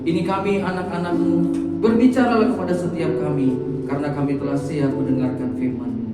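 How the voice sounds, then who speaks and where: Fervent preacher, high voice, echoey church. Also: male voice, steady tone, fairly quick, over loud music. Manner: fervent, intoning prayer then storytelling. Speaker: pastor. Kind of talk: sermon with opening prayer. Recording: echoey church hall from far off.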